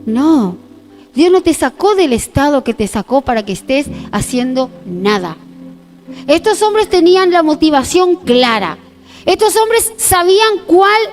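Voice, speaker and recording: High-voiced woman pastor preaching slowly. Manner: emphatic preaching, acts out quotes, voice breaking with emotion. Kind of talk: sermon. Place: church sanctuary.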